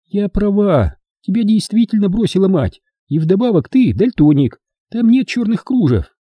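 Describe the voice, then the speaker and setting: A man's voice: sits high, sing-song, moderate pace, husky, no room sound, muffled recording, pitched above the performer's own voice, full character voice. A man voicing a prim, prickly young woman secretary who speaks sharply and indignantly in an audiobook reading.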